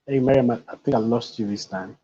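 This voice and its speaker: A man's voice: medium pitch, fast talker. Guy on a laggy video call, stream cutting out, muffled lo-fi sound, keeps saying "right?". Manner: energetic, repeats phrases, checks in with "right?". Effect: dropping, glitchy online stream audio. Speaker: guest speaker at an online conference. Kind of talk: motivational talk to a live online audience. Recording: dull lo-fi internet call audio.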